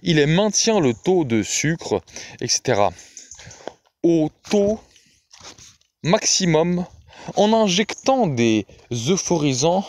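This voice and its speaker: A man's voice: a little high, dry recording, pitched above the performer's own voice. A man voicing a lecturing, condescending technocrat.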